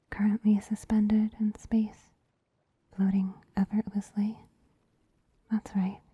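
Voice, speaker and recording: In an ASMR roleplay, a woman plays a gentle, soothing bunny spa attendant with soft paws, speaking in a breathy, almost voiceless whisper that's unhurried and teasing. Her voice is medium-pitched, and the close-miked recording is dry and intimate, with a slightly dull, muffled top end.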